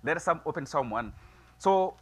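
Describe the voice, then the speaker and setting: A middle-aged man preaching a sermon in a small church, moving from quiet musing to loud, emphatic preaching. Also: fairly high pitch, expressive, moderate pace. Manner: builds from soft musing to loud preaching, gestures widely. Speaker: pastor. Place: small church sanctuary, seated before altar flowers.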